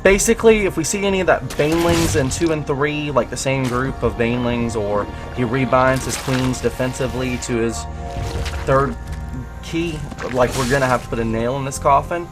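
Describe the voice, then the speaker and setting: A man with a mid-range voice talks at a normal speed over music, casually commentating on a game replay. He reasons aloud while examining the player's moves, his excitement rising with each finding, and he keeps hiccuping.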